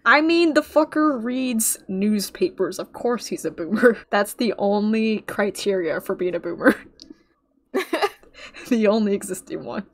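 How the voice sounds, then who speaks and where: A young woman reacting to a show with a friend, loose and sweary, breaking into laughter between quick runs of words. Her voice sits in an ordinary middle range, and she talks in a plain, casual way. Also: mid-range voice. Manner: sweary, laughs a lot, quick bursts of talk. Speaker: reaction video host. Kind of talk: casual commentary chat while watching a show.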